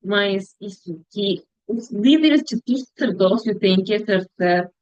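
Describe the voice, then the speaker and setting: Direction slow, hesitant young woman vlogging. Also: medium pitch, animated, a little mellow, dry recording. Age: young adult. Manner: slow, hesitant, searching for words with restarts. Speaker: future missionary practicing a language. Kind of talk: casual reflective vlog monologue. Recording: dull, dry lo-fi recording.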